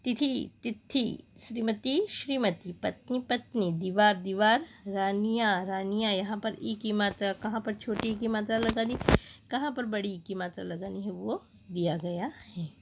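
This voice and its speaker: A woman teaching a school grammar lesson, reading out letters and words slowly and saying each one twice. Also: medium pitch, fairly even intonation, a little hiss or hum. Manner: slow, deliberate, repeats each word twice.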